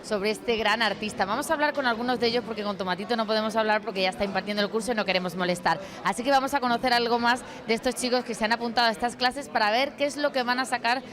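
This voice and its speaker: A woman reporting on location for TV, asking friendly questions in quick succession. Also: a little high, a crowd in the background. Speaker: field reporter. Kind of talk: on-location TV interview.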